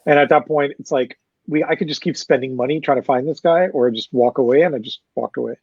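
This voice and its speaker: A man, a concert promoter, recounts a story in a relaxed interview, acting out what others said and cursing often. His voice sits at an ordinary middle pitch. The sound is dry and a little dull. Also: fast talker, vocal fry, breathy edge, dry recording. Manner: animated anecdote-telling with profanity and quoted dialogue.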